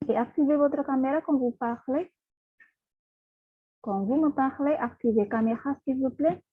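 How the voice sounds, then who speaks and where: A woman's voice: high voice, moderate pace, husky, no room sound. A woman teaching a French class online, firmly correcting her students' pronunciation and giving instructions. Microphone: video call. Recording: tinny, dry video-call audio.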